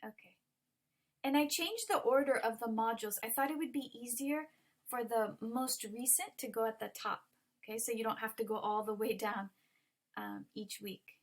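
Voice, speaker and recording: A woman's voice: a little high, moderate pace. A woman ESL teacher walking students through an online lesson, explaining patiently with many ums. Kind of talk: recorded online lesson walkthrough.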